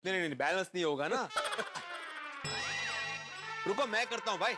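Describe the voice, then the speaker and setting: A man in a sitcom scene who complains in a mocking tone. His voice is high, and music plays behind him. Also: animated, moderate pace. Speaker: sitcom neighbour. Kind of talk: television sitcom acting. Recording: background music.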